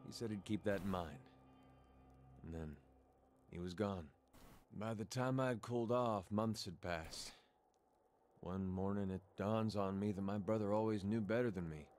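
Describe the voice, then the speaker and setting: An actor playing a weary grown soldier in video game dialogue, speaking quietly and plainly as he reflects on his dead brother. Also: on the low side, unhurried, slight background noise, natural voice. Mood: somber. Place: game audio captured in a gameplay recording.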